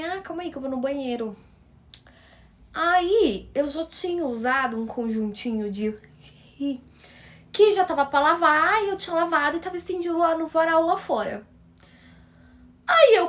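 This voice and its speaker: High-voiced female storyteller, chatty casual vlog delivery. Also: a little fast, a bit bright. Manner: chatty, keeps asking "entendeu?". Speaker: storyteller vlogger.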